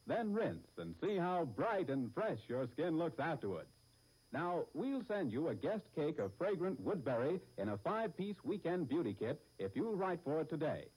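A man's voice: on the high side, a little mellow, slightly rough, rough recording. A man announcing in old 1940s radio style, reading sponsor copy in a polished, formal sales delivery. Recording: vintage radio broadcast recording.

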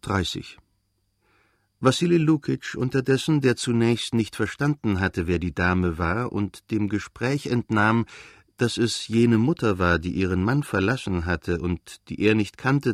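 A man narrating a literary novel as an audiobook reader, in a measured, calm reading. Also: fairly low pitch, dry recording, clean studio sound.

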